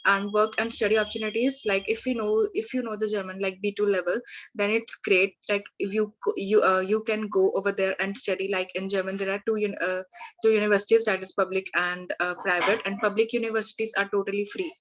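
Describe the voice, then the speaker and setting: Young woman tutor for a live beginner class; halting, restarting speech, mid-range voice. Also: medium pitch, little pitch movement, lo-fi sound. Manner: halting, many restarts and fillers. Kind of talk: live online beginner language lesson.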